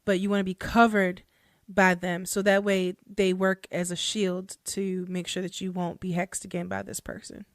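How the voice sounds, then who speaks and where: A woman's voice: medium pitch, level tone, normal speed, no room sound, clean studio sound. A woman hosting a casual solo podcast, talking loosely with plenty of fillers, restarts and frequent laughter. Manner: chatty, laughs often, many fillers and restarts. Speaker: podcast host and hoodoo practitioner.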